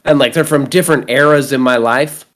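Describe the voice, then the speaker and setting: A man's voice: mid-range voice, a little fast. A man in his thirties with a Canadian accent, hosting a podcast and telling rambling, profane stories in casual chat. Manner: rambling, swears freely, lively storytelling. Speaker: podcast host.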